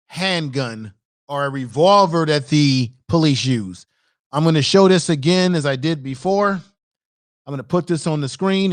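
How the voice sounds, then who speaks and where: A man's voice: a little high, no echo. A man hosting a live stream with casual, conversational commentary, repeating points for emphasis.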